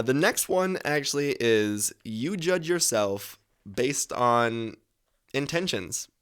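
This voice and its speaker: A man in his twenties hosting a podcast, giving advice in a casual, rambling monologue, swearing freely and correcting himself as he goes. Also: medium pitch. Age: 20s. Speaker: podcast host.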